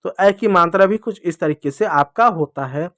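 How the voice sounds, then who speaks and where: High-voiced guy teaching kids, super patient, says every sound slow and twice, dry close mic. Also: fairly bright tone, no room sound. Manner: patient, repeats sounds slowly, calls listeners children. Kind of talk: Hindi lesson for children.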